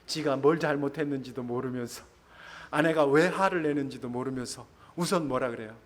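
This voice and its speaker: Man preaching a lively sermon. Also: medium pitch, normal speed. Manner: addresses congregation with questions, laughs. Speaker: pastor. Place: church.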